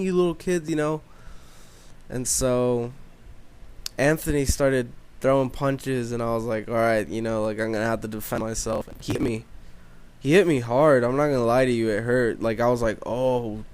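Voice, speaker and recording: Young male vlogger, smooth voice, casual profane storyteller. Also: medium pitch, darkish tone. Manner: rambling, profane, filler-heavy delivery.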